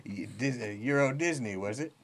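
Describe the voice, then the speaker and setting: Against crowd noise, a medium-pitched man hosts a chatty, comic podcast interview at a moderate pace. His style is folksy and rambling, and he often repeats words while searching for the next one.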